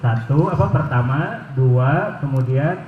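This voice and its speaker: A man leads a group of teachers in a vocal drill for Quran recitation, singing pitch patterns and calling on them to answer. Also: lively intonation, measured pace, distant mic, phone-quality sound. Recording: roomy echo with music behind.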